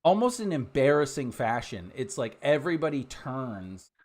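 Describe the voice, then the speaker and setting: A man with a medium-pitched voice acts as game master. He improvises his narration casually, halting and pausing as he builds each scene. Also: big pitch swings, a crowd in the background. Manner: halting, conversational, many trailing pauses.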